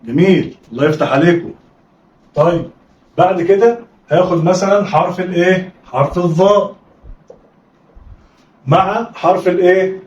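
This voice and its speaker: A high-voiced man with an Egyptian accent leads a children's phonics drill, calling out sounds and urging the pupils to repeat. He encourages them warmly and praises them often. He is heard from a distance in an echoey room with a dull, lo-fi sound. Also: normal speed, pauses often. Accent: Egyptian Arabic. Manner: call-and-response drilling, coaxing pupils to repeat. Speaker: Arabic teacher.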